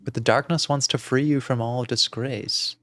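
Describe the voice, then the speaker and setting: A man voicing a sinister, soft-spoken aunt in a video game, speaking low and hushed like a lullaby. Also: steady tone, moderate pace, close to an everyday voice.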